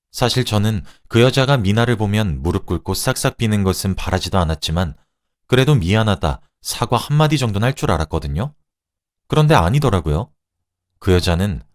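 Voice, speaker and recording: A man reading a first-person story aloud in an expressive, conversational way. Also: fairly low pitch.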